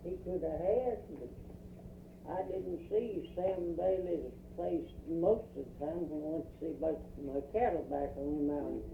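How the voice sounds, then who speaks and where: An older speaker from rural Virginia with an Appalachian accent, reminiscing in a halting, folksy, plain-spoken way for an oral history interview. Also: mid-range voice, vocal fry. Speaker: local interviewee recalling mountain life. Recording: tinny, roomy, distant, noisy field tape.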